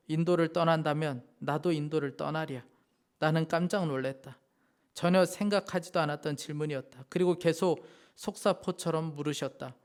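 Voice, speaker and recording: A man preaching a Sunday sermon in church. His voice sits a little high for a man. He reads a moving story aloud and then turns to address the congregation directly. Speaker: pastor. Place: church sanctuary.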